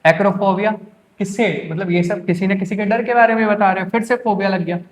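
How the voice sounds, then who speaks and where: A young man with a somewhat high voice gives an exam-prep English lesson. His is clear as he keeps quizzing students with rhetorical questions and answering them himself. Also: steady tone, a little fast. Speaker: English teacher.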